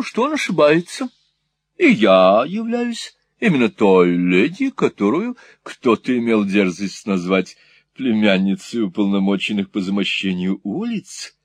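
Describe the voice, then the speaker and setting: A man's voice: mid-range voice, big pitch swings, measured pace, no echo. A man voicing a fussy, long-winded middle-aged mother who rambles in a prim, flustered way. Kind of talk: audiobook character voice.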